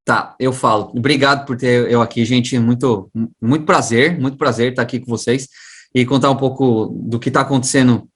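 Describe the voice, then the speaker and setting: This man, a science teacher and education researcher, tells his own story as an interview guest in a casual, slangy, chatty way with a São Paulo-area Brazilian accent. His medium-pitched voice is slightly rough, with fairly even intonation and a moderate pace.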